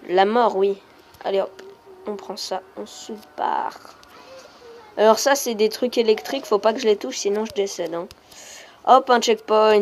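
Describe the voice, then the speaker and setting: A woman giving casual, rambling gameplay commentary that breaks into frustrated shouts. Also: mid-range voice, slight background noise. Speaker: gaming video creator.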